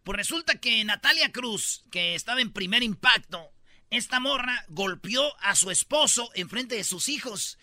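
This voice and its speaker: A male comedy host with a Mexican Spanish accent rambles through slangy, joking stories. His voice is high and strikingly bright and sharp. The sound is close and dry. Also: animated, unhurried, dry recording. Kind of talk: comic radio banter.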